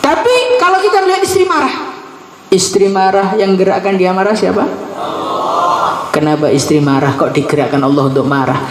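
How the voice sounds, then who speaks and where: A man preaches a humorous sermon, dropping to low murmurs and then rising to high exclamations. His voice is lively and swooping. It rings through an echoey hall with long reverb and a faint hiss of noise behind it. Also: a little fast. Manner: animated, joking, swings between low murmurs and high exclamations. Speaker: Islamic preacher.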